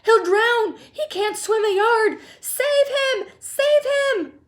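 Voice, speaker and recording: A woman's voice: very high voice, lively intonation, slow, pitched above the performer's own voice, exaggerated voice. A woman reading a storybook aloud, voicing a bossy, hysterical mother who shrieks and scolds. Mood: hysterical panic. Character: shrill, hysterical, bossy mother of a greedy boy.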